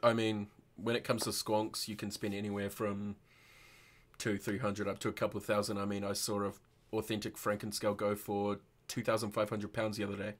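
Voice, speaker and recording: Speaking fairly quickly in a lowish monotone, this young man runs an informal livestream video call from an indoor room, swearing freely as host. There's slight background noise.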